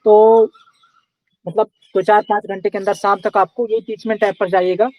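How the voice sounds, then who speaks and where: A man's voice: high voice, little pitch movement, normal speed, a little mellow, no room sound, rough recording. A young man teaching a live online class in a casual, chatty way, often checking in with his students.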